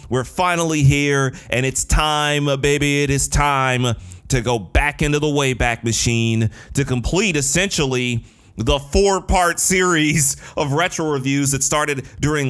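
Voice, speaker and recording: A man's voice: medium pitch, a bit bright. A man hosting a podcast, talking to listeners in an emphatic, informal and mildly salty way. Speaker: podcast host. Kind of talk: energetic solo podcast talk.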